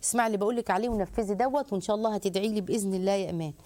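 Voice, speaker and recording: A woman hosting a call-in advice show, lecturing briskly and acting out bits of dialogue. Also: medium pitch, warm tone.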